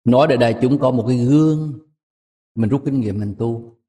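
Monk giving a dharma talk, mellow voice, slow and emphatic, big echoey hall. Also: male voice. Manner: measured, emphatic, rises high when stressing points. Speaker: Buddhist monk teacher. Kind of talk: dharma talk to monastic assembly.

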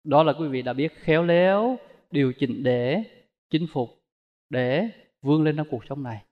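Brief: male Buddhist monk, higher-pitched voice, folksy dharma talk with a long hall reverb. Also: moderate pace, muffled recording. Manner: folksy, storytelling with rhetorical questions.

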